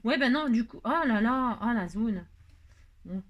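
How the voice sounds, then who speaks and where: A woman's voice: fairly high pitch, a little slow. A French woman hosting a crafting tutorial, chatting casually to viewers as she works, humming little tunes and scolding herself over slips. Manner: chatty, talks to herself while working, hums little nonsense tunes; expressive, scolds herself when upset. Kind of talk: casual live crafting chat.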